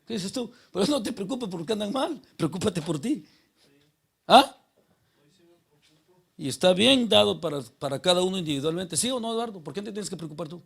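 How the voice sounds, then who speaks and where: A male pastor with a high, heavily gravelly and husky voice, preaching in a church. He talks to the congregation directly, firing rhetorical questions and calling people by name. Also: lively intonation, moderate pace, long pauses, a bit bright. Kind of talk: conversational sermon.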